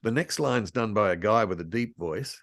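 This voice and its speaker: A man with a lowish voice tells stories in an animated way and laughs often as he talks. The sound is dry and close, with no room around it. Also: moderate pace, gravelly, no room sound. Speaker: guest, cartoon voice historian. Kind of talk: casual podcast conversation.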